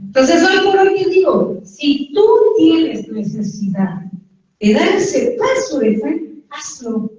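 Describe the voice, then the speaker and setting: A woman's voice: high-pitched, very animated, takes it slowly, a little mellow. A woman with a Mexican accent giving a church testimony, talking directly to listeners in a conversational way. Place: church hall. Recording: echoey church hall, distant dull mic.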